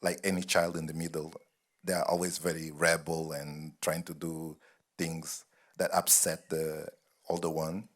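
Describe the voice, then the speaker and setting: A man's voice: extremely low pitch, little pitch movement, measured pace. A man from Angola moderating a festival panel, musing and searching for words as he talks. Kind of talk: panel conversation.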